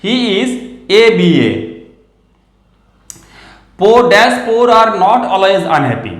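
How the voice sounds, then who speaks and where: Man, Bengali accent, grammar teacher, high lively voice, echoey room. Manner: slow, dictating example sentences and asking questions. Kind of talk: grammar lesson.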